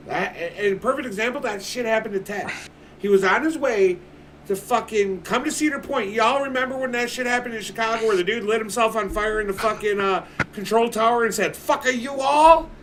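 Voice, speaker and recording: A man's voice: high voice, fairly quick, a bit bright. A man in his forties, a livestream host, chatting casually in a blunt, swearing manner. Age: 40s. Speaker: streamer. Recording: distant mic with background noise.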